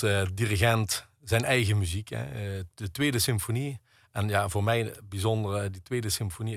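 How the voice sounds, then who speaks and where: Middle-aged man, low gravelly voice, halting interview talk, dry close sound. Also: a bit bright, dry recording. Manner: hesitant, many fillers and restarts. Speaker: guest, percussionist and conductor. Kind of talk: radio interview conversation.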